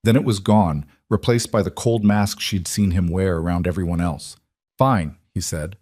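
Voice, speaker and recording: Male narrator, dramatic scripted read, terse phrasing, low pitch, dry close recording. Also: fairly even intonation, normal speed, dark tone, no room sound. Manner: terse, clipped sentences.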